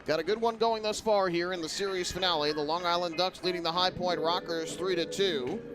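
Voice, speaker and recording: A man's voice: high voice, fairly even intonation, a little fast, music in the background, rough recording. A man calling a baseball game as a play-by-play broadcaster, with descriptive, clipped phrasing. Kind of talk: live sports commentary.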